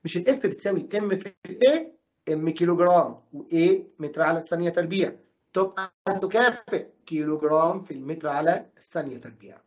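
A man's voice: fairly high pitch, fast. A man with an Egyptian Arabic accent teaching a physics lesson, asking questions and answering them himself. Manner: asks questions and answers them himself, voices imagined student objections. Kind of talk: recorded classroom lesson. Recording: dull lo-fi recording.

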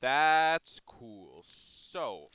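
A man's voice: medium pitch, big pitch swings, extremely slow, sharp tone, low-quality recording. A young man running a tabletop game as game master, talking in a loose, slangy way with lots of fillers.

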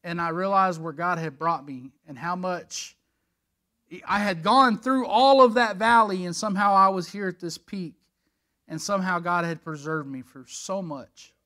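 A man's voice: high-pitched, moderate pace, sharp tone. A middle-aged man, giving an earnest, emotional church lesson full of personal stories and restarts. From Texas.

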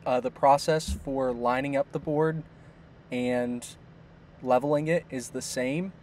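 A man's voice: mid-range voice, a little slow, a little hiss or hum. A man giving a step-by-step instructional voice-over for a device setup tutorial. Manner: steady, step-by-step explaining. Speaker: product tutorial narrator.

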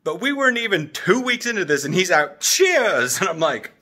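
A man in his thirties records a casual, rambling vlog on a phone held at arm's length in the open-plan living room and kitchen of his apartment. Animated and jokey, he acts out quotes, speaking at a moderate pace in a voice that sits high.

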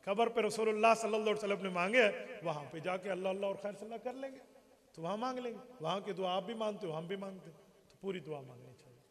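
A man's voice: high-pitched, fast. A man preaching a sermon in a mosque. He talks emphatically and keeps firing rhetorical questions at the congregation. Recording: long reverb of a large prayer hall.

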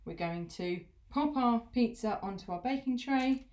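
With a fairly high, expressive voice at a measured pace, a young teacher gently walks kids through a recipe step by step. She stays patient and encouraging throughout. The camera's built-in mic records her in a home kitchen.

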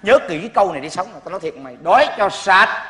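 A man's voice: high voice, lively intonation, very fast. A young man playing a brash, bossy street vendor who scolds and lectures his friends in a comedy skit. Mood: lecturing. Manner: scolding, repeats words, lectures loudly. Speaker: skit actor. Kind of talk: Vietnamese comedy skit acting. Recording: echoey room with faint music.

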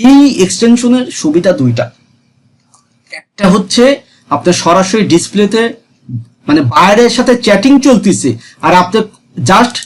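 A man's voice: high voice, a little hiss or hum. A man giving a casual screen tutorial, chatty and repetitive, often checking in with viewers. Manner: chatty, repeats himself, asks viewers "ঠিক আছে?". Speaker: freelancing tutor.

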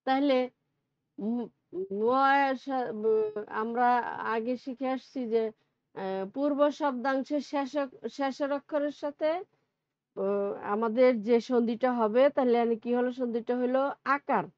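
A woman's voice: sits high, fairly even intonation, measured pace, pauses often, darkish tone, dry recording. A woman teacher with a Bangladeshi Bengali accent, giving a recorded grammar lesson and explaining step by step with questions to her students. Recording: dull lo-fi recording.

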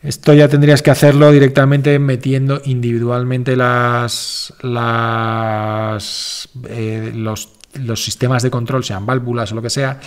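A man's voice: medium pitch, little pitch movement, unhurried, smooth. A man hosting a casual live stream, answering viewer questions in a rambling, self-correcting, informal way.

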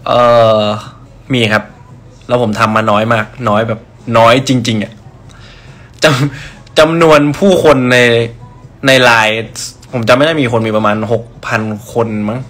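A man's voice: medium pitch, a little slow, a bit bright. A young man chatting on a livestream about his brand, rambling with restarts and answering viewers' comments. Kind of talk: casual livestream chat.

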